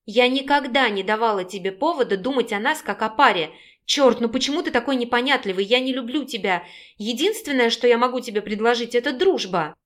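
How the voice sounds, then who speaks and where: A woman reading an audiobook, voicing a sharp-tongued, defiant young woman who snaps and mocks. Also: a little high, expressive, a little fast, hardly any pauses, natural voice. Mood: scornful. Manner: snapping, sarcastic.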